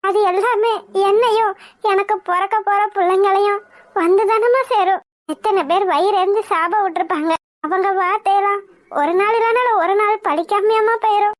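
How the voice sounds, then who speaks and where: Very high voiced anguished young woman. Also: steady tone, moderate pace, no room sound, clean studio sound. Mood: sorrowful. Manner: anguished pleading to god. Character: grieving devout young woman, gentle-hearted. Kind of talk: cartoon drama dialogue.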